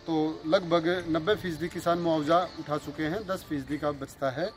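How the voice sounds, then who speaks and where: Higher-pitched man presenting local news. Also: steady tone, moderate pace. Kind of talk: informal news report, reading out figures village by village. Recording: music bed under the voice. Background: background music.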